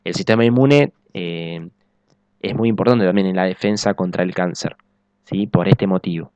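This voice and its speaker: A man's voice: deep voice, normal speed, a little mellow, clear, resonant tone, no echo, lo-fi sound. A man giving a recorded biology lecture, explaining step by step and checking in often with the class. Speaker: teacher.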